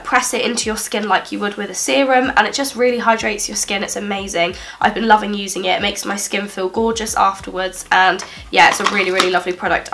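This beauty vlogger, a twenty-one-year-old woman, is congested from a cold and chats upbeat through a casual birthday haul vlog in a small living room. Her voice is medium-pitched with a sharp tone, and there's a little hiss or hum on the recording.

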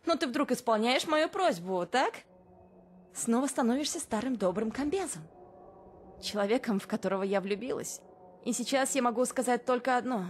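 Бриф: актриса озвучивает молодую журналистку из игры, голос чуть выше среднего, искренняя, тёплая подача, лёгкий фоновый шум. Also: female voice, on the high side, animated, normal speed, a little hiss or hum, natural voice. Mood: tender. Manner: heartfelt, apologetic and warm toward a partner. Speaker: companion character. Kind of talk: video game voice dubbing.

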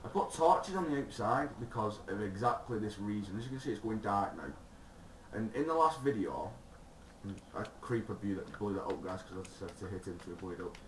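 A man giving gameplay commentary, rambling and swearing, with sudden excited shouts. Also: on the low side, a little fast. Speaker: gaming video creator. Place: room at a computer. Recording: roomy, distant mic, loud keyboard noise.

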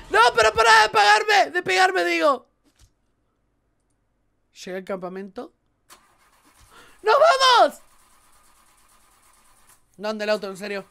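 Her voice is very high with vocal fry, and she takes her time, pausing often, in an Argentine Spanish accent. She's a gaming YouTuber doing let's play commentary, excitable and prone to shrieks and laughter, while nursing a sore throat.

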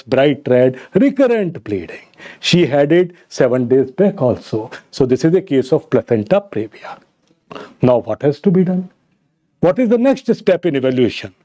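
A man's voice: on the high side, mellow. A middle-aged man with a North Indian accent teaching an exam-prep medical lecture, repeating key phrases for emphasis and mixing English with Hindi. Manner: switches between English and Hindi. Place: indoor studio in front of a slide screen.

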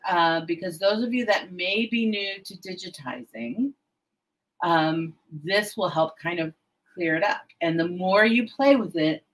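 A middle-aged woman, an embroidery software educator, walking through a tutorial in a chatty, self-deprecating way with frequent fillers. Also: fairly low pitch, poor audio.

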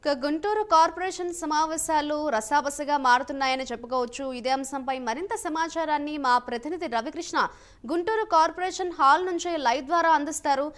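A woman news anchor reads a scripted bulletin in a crisp, formal studio manner. Her voice sits very high. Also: a little fast, a bit bright. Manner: crisp formal bulletin delivery, hands off to reporter.

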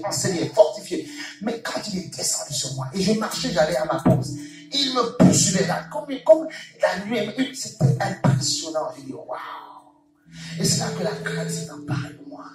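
A man's voice: high-pitched, very animated, normal speed. A male pastor preaching a fervent sermon, repeating phrases and crying out alleluia. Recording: echoey, from far off, with music behind.

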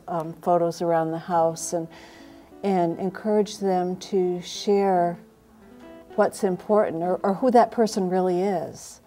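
Mellow, lowish-voiced woman, a thoughtful nurse. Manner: earnest, thoughtful. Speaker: hospice nurse. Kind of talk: personal reflection. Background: soft guitar music.

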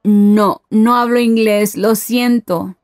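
Here a woman voices a curious, friendly Peruvian local in a learner dialogue with a tourist, enunciating each phrase slowly before saying it again at a natural pace. Her pitch is a little high and her tone steady and darkish. The recording is studio quality, free of echo.

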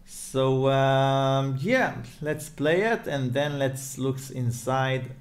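A man's voice: mid-range voice, drawn-out words. A man introducing a music tutorial in a loose, chatty way, his voice carrying a big hall-like echo from an untreated home studio. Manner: loose, chatty, searching for words. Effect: strong room reverb like a big hall echo. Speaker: music producer and tutorial host. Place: new home studio without acoustic treatment, echoey room. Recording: reverberant untreated room.

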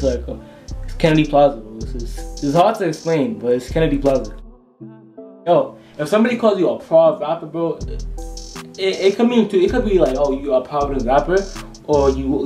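A man's voice: a little high, dark tone. A young man chatting casually to camera in heavy slang, peppering his talk with bro, yo and like. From Rhode Island, United States. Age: young adult. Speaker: vlogger. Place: indoors, home room. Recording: echoey room, music behind.

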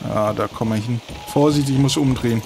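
A man's voice: mid-range voice, brisk, background noise. A man giving casual gameplay commentary as a let's play host, chatty and talking to the horses, with bursts of frustrated cursing. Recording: game sounds of horses and hooves loud behind. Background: game audio with horse hooves.

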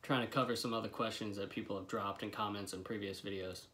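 A man's voice: lowish voice, fairly even intonation, quick pace, heavy background noise. A young man in his twenties giving a casual, laid-back vlog review with a lip full of dip, recorded at a desk in a bedroom. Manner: laid-back, swearing freely. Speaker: product reviewer. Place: small bedroom, indoors.

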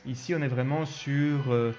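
A man talks through his collection in an easygoing, unscripted way, pausing often on fillers and restarting his sentences. His voice sits at a middle pitch, and faint music plays behind him. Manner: relaxed, hesitant, frequent fillers. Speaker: video host reviewing his collection. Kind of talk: casual spoken review.

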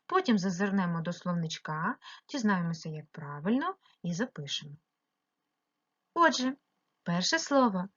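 A woman teacher from Ukraine giving a remote primary-school lesson, slowly drawing out words to mark their stress. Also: fairly low pitch, big pitch swings, a bit bright, lo-fi sound. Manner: slow, drawn-out stressing of words.

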